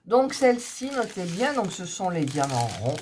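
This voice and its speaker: A woman's voice: on the low side, sing-song, moderate pace, darkish tone, a little hiss or hum. A sick, coughing woman chatting casually to her subscribers, hesitant, with many fillers as she shows her craft kits. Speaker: hobby vlogger showing diamond painting kits.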